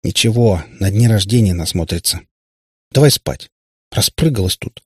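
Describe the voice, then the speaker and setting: A sharp-tongued little witch girl teases and boasts in a raised, scoffing voice, as a man reading the book puts her on. The voice keeps a husky edge and sits dry and close to the mic. The audiobook reading stays lively and mocking. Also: lowish voice, no room sound. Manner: teasing, boastful, quick to scoff.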